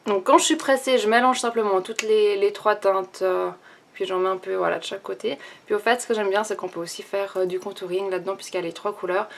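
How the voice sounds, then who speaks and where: A young woman talking casually through a makeup tutorial and review, thinking aloud with many pauses and restarts. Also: mid-range voice, fairly even intonation, creaky. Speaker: beauty vlogger.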